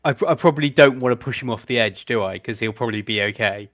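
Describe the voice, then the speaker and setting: A man's voice: medium pitch, fast, fairly bright tone. A man playing a tabletop game, chatting casually and thinking aloud in a hesitant way.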